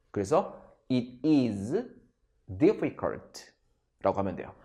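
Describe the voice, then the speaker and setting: Lively, slow-paced male English teacher. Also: medium pitch. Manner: drills sentences slowly, addresses viewers directly. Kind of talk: English grammar lesson.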